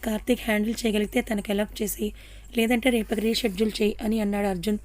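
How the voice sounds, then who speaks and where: A woman narrating a romantic audio story and speaking each character's lines herself, softly expressive. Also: mid-range voice, quick pace. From Telugu-speaking India.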